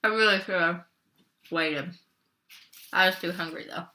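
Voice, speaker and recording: A young adult woman vlogs casually at home, chatting between bites with her mouth full in a mukbang-style eating video. Her voice sits on the low side and runs a little slow, with a bright, forceful tone.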